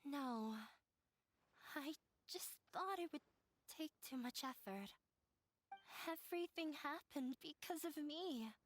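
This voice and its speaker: A woman's voice: high voice, lively intonation, slow pace, pauses often. Hinaya, a weary young woman. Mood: resigned. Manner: quiet, resigned, soft-spoken. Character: troubled young woman, weary, self-blaming. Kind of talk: video game voice acting.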